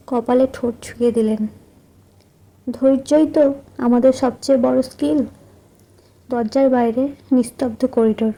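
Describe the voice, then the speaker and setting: A woman narrating a romantic story in the first person, soft, intimate and measured. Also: fairly high pitch.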